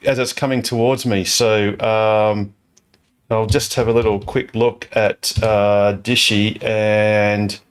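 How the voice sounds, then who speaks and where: A man's voice: on the low side, flat delivery, slow pace, clean tone. A man hosting a casual club chat over a video call, rambling with lots of fillers and restarts. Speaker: club host answering questions. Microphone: video call over satellite internet.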